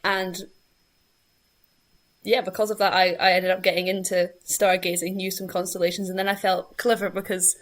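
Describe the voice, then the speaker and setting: A woman's voice: on the low side, level tone, moderate pace. Young woman with a broad Scottish accent. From Scotland. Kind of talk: casual anecdote in a panel chat.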